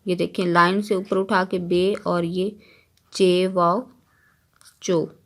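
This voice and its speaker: A woman's voice: on the low side, flat delivery, takes it slowly. A woman teacher giving an online lesson to young children. She spells each word out letter by letter and checks in with the class again and again. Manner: patient, repeats words and checks in often with children.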